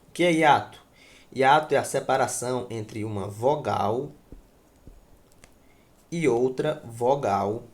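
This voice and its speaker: A man teaching a grammar lesson, repeating words and checking in with his students as he goes. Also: mid-range voice. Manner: slow, repeats words and asks "certo?".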